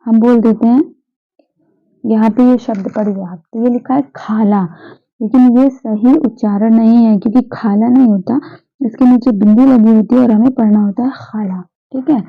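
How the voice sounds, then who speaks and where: A woman's voice: on the high side, fairly even intonation, normal speed, gravelly. A woman teacher explaining pronunciation patiently, repeating sounds and answering her own questions. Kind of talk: Hindi pronunciation lesson. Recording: tinny phone-like recording.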